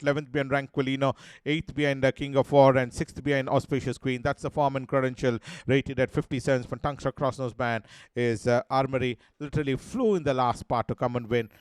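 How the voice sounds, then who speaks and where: A man with an Indian English accent presenting a horse racing preview, working through each runner's form in a steady, listing way with many "uh" fillers. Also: mid-range voice, smooth, dry recording. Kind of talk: race preview commentary over replays.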